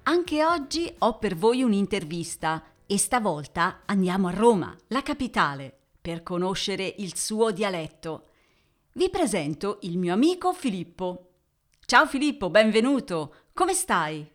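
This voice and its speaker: A woman's voice: medium pitch, very animated, a little slow. A woman presenting an interview podcast as its host, addressing listeners and putting questions to a guest.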